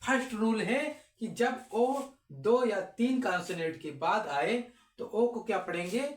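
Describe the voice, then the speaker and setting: A teacher walks through a phonics lesson at a very slow, deliberate pace. Each sound is drawn out and repeated, and the teacher keeps asking questions and answering them. The voice sits mid-range in a room with a noticeable echo. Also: medium pitch.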